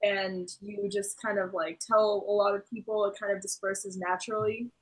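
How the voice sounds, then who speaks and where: A woman on a student help desk, her voice going hoarse, explaining practically with some hesitation. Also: medium pitch, level tone, moderate pace, low-quality recording. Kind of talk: casual discussion.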